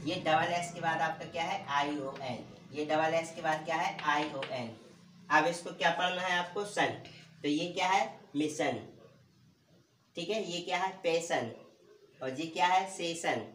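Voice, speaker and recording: A male teacher giving a pronunciation lesson, asking questions and answering them himself and repeating words slowly. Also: on the high side, a bit bright, far from the mic, slight background noise. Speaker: English teacher. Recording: roomy echo, voice from off the mic.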